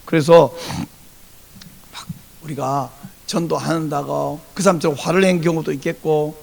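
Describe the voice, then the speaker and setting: A male pastor delivers a Sunday sermon in a fairly high, gravelly voice at a measured pace. He tells stories with animation, acting out bits of dialogue in a variety of voices.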